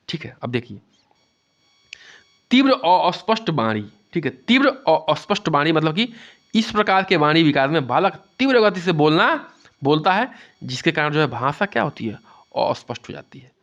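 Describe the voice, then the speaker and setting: A man's voice: a little high, very animated, normal speed, a bit bright. A man giving an exam-prep lecture and explaining things with a lot of repetition, often asking "theek hai". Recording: dull lo-fi sound.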